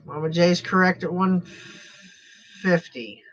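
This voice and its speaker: Slow-talking woman auction host. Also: lowish voice. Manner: chatty, laughs often, drawn-out slow delivery. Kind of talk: casual live-stream auctioneering. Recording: dull lo-fi livestream audio.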